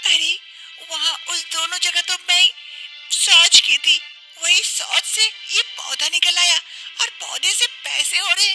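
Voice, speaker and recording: A performer voicing a timid, fretful young village daughter-in-law in a cartoon, in a high, squeaky, worried voice. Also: female voice, slow, sharp tone, soft background music, full character voice, poor audio. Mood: earnest. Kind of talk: cartoon voice acting.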